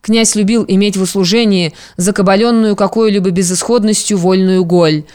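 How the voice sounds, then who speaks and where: An audiobook narrator reading a classic novel in an even, measured storytelling manner. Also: medium pitch, clear, resonant tone.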